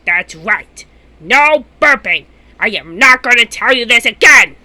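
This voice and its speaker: A piercingly bright, fairly high cartoon octopus, acted out by a woman. He is irritable and exasperated, scolding at a measured, slow pace. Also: animated, full character voice. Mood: stern scolding.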